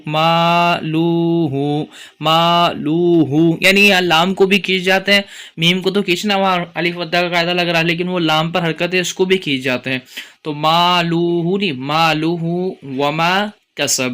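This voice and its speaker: A man with a Pakistani Urdu accent teaching Quran recitation rules, explaining each point and chanting verses slowly. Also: high voice, steady tone, pushed and bright, clean tone. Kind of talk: tajweed lesson with chanted recitation.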